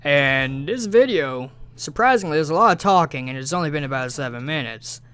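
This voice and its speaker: A man's voice: fairly high pitch, animated, fairly quick, a bit bright, clear, resonant tone. A man rambling over his gameplay footage, stammering with lots of filler words, recorded on a home mic without a pop filter. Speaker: gaming video creator.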